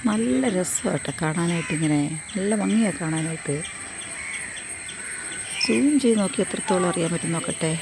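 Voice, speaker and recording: A woman walking a rural path on a casual vlog, hoarse from losing her voice, chatty and rambling as she repeats herself. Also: fairly low pitch, moderate pace, pauses often, background noise. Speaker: vlogger. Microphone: phone front camera at arm's length.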